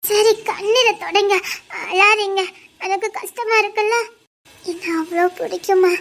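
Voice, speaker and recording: Brief: young actress as a sulky, tender village girlfriend; very high, bright, tearful. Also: steady tone, a little slow, exaggerated voice. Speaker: actor. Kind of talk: web series drama acting.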